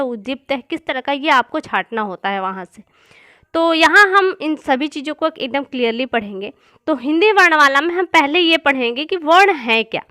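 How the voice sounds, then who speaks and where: High, bright-voiced woman teacher. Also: no echo. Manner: patient, repeats key points, asks and answers her own questions. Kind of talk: exam-prep lesson explaining.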